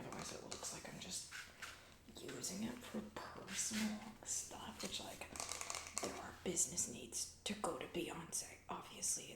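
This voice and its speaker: A woman plays a self-absorbed, distracted female CEO in a comedic ASMR roleplay, rambling flippantly with casual asides. She speaks in a breathy whisper, low-ish and reverberant, sounding flippant and self-justifying.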